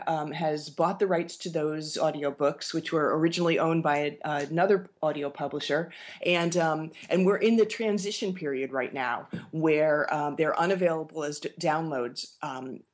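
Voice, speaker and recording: A woman author chatting casually, full of fillers, restarts and bubbly laughter. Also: low-pitched. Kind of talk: casual conversation.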